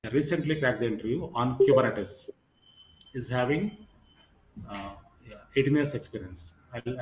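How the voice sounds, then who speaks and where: A man's voice: mid-range voice, a little hiss or hum. A man giving an informal online lecture as a course trainer, repeating himself and checking in with "right" and "okay". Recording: roomy echo, slightly muffled sound.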